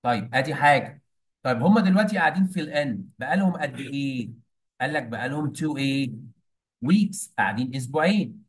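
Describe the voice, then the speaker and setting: A man's voice: medium pitch, expressive, fast, poor audio. A young man with an Egyptian Arabic accent explaining a play scene to students, mixing English words into his Arabic and quizzing them with prompts. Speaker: English teacher.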